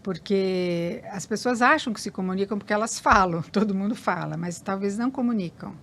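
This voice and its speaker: An older woman, a guest in an interview, telling stories in a relaxed way and acting out bits of dialogue. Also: medium pitch, brisk, a little hiss or hum. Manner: animated storyteller, acts out dialogue. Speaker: guest, family counselor.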